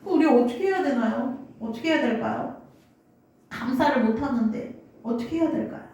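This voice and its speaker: A woman's voice: fairly high pitch, brisk, darkish tone, highs cut off. A woman pastor giving a sermon, telling stories and asking the congregation questions. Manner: storytelling, asks the congregation questions. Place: church sanctuary. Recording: very echoey church hall.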